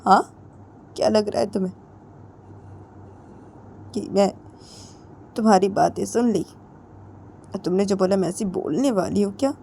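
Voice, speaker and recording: A woman's voice: mid-range voice, measured pace, gravelly, long pauses, dark tone, slight background noise. A woman storyteller voicing a hurt, defiant young woman who speaks in an accusing, indignant way.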